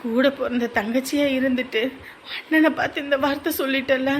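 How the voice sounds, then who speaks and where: Reproachful woman with a high voice. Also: steady tone, moderate pace, a little hiss or hum. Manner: reproachful, arguing. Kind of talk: rural family drama acting.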